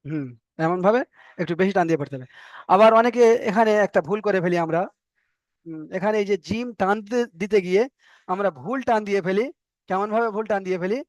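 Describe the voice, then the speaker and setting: A man's voice: sits high, fast talker, pauses often, dry recording, muffled recording. A man teaching Arabic letter reading in a patient, explanatory way, with a Bengali accent, repeating letter names and stretching sounds to demonstrate. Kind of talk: explanatory online lesson.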